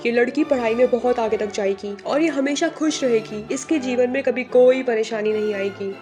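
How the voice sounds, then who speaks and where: A woman voicing a calm, grave male fortune teller in a spoken horror story, talking in a measured, solemn way. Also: a little high, pitched below the performer's own voice, close to an everyday voice. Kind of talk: storybook narration acting. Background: music.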